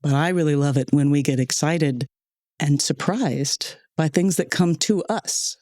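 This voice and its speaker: A woman's voice: low-pitched, measured pace, a little mellow, no echo, clean studio sound. A woman hosting a podcast in casual chat, talkative and grateful, laughing often between thoughts. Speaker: podcast host and producer. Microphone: studio microphone.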